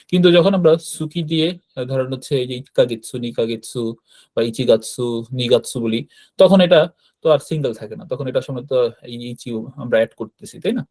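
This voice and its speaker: Male teacher, Bangladeshi Bengali accent, warm mellow tone, patient step-by-step lecture delivery with fillers. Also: mid-range voice. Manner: explains step by step, frequent fillers and self-corrections. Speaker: Japanese language teacher. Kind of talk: slide-based lecture.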